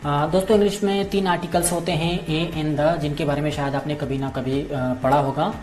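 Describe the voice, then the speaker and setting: A man's voice: on the high side, fairly even intonation, moderate pace, darkish tone, faint music behind. A man teaching an English grammar lesson, explaining patiently, repeating key points and checking in with his students often.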